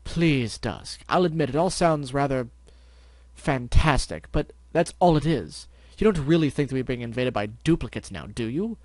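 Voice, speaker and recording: A man voicing a pompous, well-spoken gentleman pony in a storybook reading, with prim, formal, wordy speech. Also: medium pitch, lively intonation, normal speed, dry recording, natural voice. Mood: dismissive.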